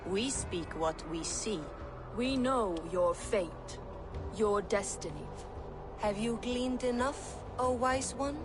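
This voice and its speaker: Slow, oracular spirit of fate. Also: female voice, fairly high pitch, music in the background. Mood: cold, knowing. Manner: solemn, oracular, cryptic chanting delivery. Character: ancient female fate spirits, cold all-seeing seers. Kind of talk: dramatic video game acting.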